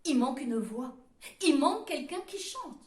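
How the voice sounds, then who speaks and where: A woman's voice: high-pitched, big pitch swings, moderate pace, recorded from a distance. A woman voicing a thoughtful young male angel who speaks earnestly. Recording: roomy sound from away from the mic.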